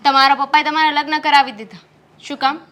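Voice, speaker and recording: A woman's voice: sits high, level tone, fast talker, dull audio, close to an everyday voice. An actress playing a young wife who scolds her idle husband in a short drama film. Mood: scolding. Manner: scolding, insistent. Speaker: actor as the wife. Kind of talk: Gujarati short film acting.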